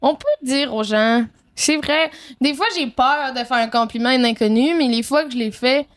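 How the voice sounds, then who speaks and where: A woman's voice: sits high, normal speed. A woman comedian with a Quebec French accent, co-hosting a podcast and telling stories in a chatty, laughing way. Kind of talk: casual chat.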